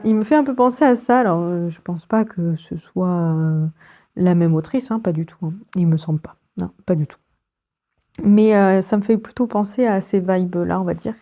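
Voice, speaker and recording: Chatty young French woman vlogger, mellow tone, filler-heavy casual talk. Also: medium pitch. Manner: chatty, many fillers and giggles. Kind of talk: casual vlog chat.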